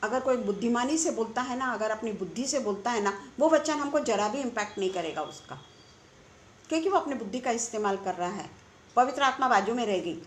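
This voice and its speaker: Woman preacher, conversational sermon, higher voice, echoey room with faint hiss. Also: animated, brisk. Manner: conversational, asks rhetorical questions. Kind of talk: online sermon.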